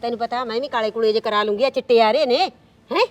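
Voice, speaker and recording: A woman's voice: fairly high pitch, fast, natural voice. A woman playing a scheming middle-aged village aunt who nags, coaxes and stirs up trouble. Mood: wheedling. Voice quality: loud, nagging, coaxing. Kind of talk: village drama acting.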